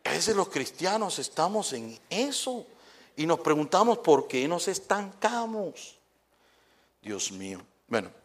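A man preaching a sermon in an animated way, swinging from loud exclamations to hushed asides. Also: mid-range voice.

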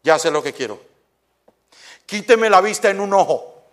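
A man's voice: high-pitched, animated, moderate pace, pitched above the performer's own voice. An envious shopkeeper, as a preacher plays him, grumbling and sulky. He sounds bitter and resentful of his rival.

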